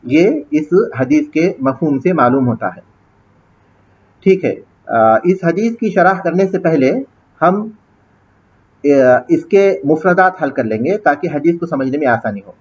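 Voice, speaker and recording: A male teacher giving a classroom lecture, explaining grammar step by step, quizzing his students and reciting Arabic passages slowly. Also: fairly high pitch, expressive, dull audio. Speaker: teacher of an Islamic studies course.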